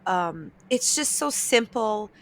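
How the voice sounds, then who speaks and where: A woman's voice: medium pitch, expressive, slow, a little hiss or hum. A woman, a comedian and voice actor, chatting animatedly as a podcast guest and dropping Spanish words into her talk. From New York, of Dominican and Eastern European roots. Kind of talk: casual podcast interview.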